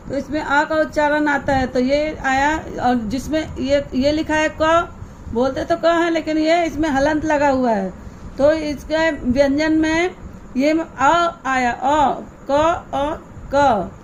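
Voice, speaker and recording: Slow, patient high-voiced woman teacher. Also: slight background noise, low-quality recording. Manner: slow, patient explaining with repeated questions to pupils. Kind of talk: online grammar lesson for young children.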